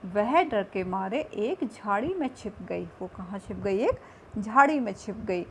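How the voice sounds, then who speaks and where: A woman's voice: medium pitch, lively intonation, a little slow, a bit bright, slight background noise. A woman teacher reading and explaining a textbook lesson, patient and repetitive, often checking in with her pupils.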